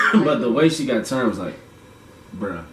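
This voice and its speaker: A man's voice: mid-range voice, animated, fairly quick. Laid-back man reviewing a film, echoey room. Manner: laid-back, slangy, laughs often. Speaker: podcast host. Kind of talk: casual movie review chat. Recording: echoey room, mic far off, faint noise.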